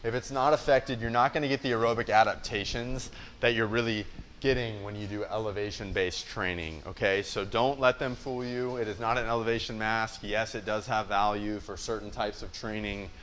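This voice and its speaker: Blunt young American man, slightly low voice. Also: fairly even intonation, brisk, fairly bright tone, slight background noise. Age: young adult. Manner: blunt, conversational, with rhetorical check-ins. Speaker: fitness coach presenting. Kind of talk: casual whiteboard explainer. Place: indoor gym space.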